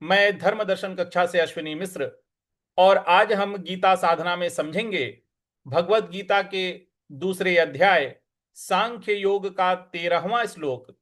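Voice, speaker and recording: A man teaching how to recite verses, chanting each word slowly and then quickly and quietly explaining how to pronounce it. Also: sits high.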